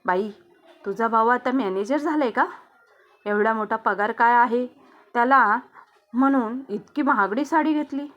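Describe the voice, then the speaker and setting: A sharp-tongued older mother-in-law, suspicious and quick to accuse, as a woman storyteller puts her on. She scolds in a fairly high, pointed voice. Told as a spoken storybook tale. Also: highs cut off. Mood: mocking.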